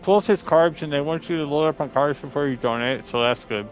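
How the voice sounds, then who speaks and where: A man's voice: on the high side, brisk, soft background music. Rambling, swearing young male streamer. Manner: rambling, swears freely, talks with mouth full. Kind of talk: casual livestream chat.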